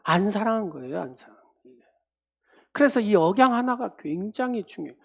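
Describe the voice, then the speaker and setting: A woman pastor preaching a sermon. She calls on the congregation, acts out quoted speech, and swings from loud to quiet. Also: medium pitch, animated, a little fast, gravelly, breathy edge. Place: church.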